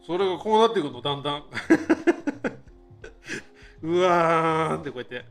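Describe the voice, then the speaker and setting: A man's voice: on the high side, racing, soft background music. A man casually telling a true scary story from his own life, acting out what people said and the buzzing of wasps, laughing often. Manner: animated, acts out quotes and buzzing sounds, laughs often. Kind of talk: casual storytelling from a live stream.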